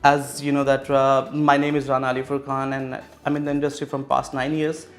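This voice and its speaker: A man from Pakistan in his thirties, a real estate executive guest, responds to interview questions in a monotone, medium-pitched voice. He talks a little fast, with frequent fillers and restarts, and faint music can be heard behind him.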